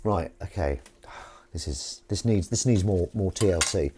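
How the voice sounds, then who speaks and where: A man's voice: sits low, measured pace, very noisy. A man chatting casually on a live stream while washing up at his kitchen sink, rambling and self-deprecating.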